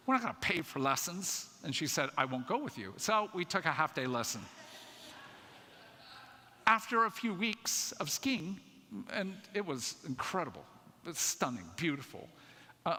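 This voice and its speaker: An older man giving a conference talk in a church, telling a family story in an animated, self-mocking way. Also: sits high. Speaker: conference speaker. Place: church sanctuary. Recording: echoey church hall.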